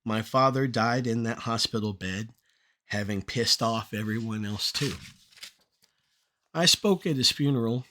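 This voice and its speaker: A middle-aged man recites rhymed spoken-word poetry, delivering short phrases in a measured, deliberate way. His voice sits at a medium pitch with a sharp tone.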